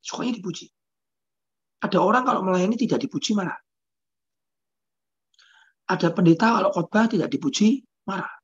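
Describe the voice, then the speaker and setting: A man's voice: high voice, fairly quick, pauses often, slightly rough. A male pastor, preaching a sermon, asking rhetorical questions and answering them himself. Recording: dull lo-fi sound.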